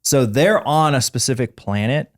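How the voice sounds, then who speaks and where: A man's voice: medium pitch, moderate pace, dry recording, studio quality. A man in his forties, co-hosting a podcast in casual chat and rambling through fillers and restarts. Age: 40s. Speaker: podcast co-host.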